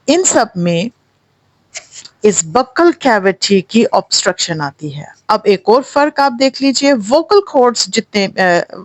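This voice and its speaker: A woman's voice: medium pitch, no echo, poor audio. A woman teaching an English pronunciation lesson, explaining patiently step by step and modeling each vowel and consonant sound herself. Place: home in Thailand.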